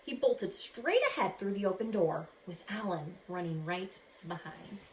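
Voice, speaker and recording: With a fairly low pitch and lively intonation, a woman reads a picture book to young children as their teacher. Her reading is dramatic, punctuated by questions aimed at the listeners. Faint noise and a roomy echo can be heard.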